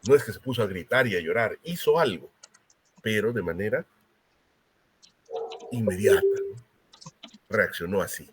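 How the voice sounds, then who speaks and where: A man's voice: lowish voice, lively intonation, moderate pace, long pauses, breathy edge. A man giving a university lecture, explaining step by step and often checking in with a tag question.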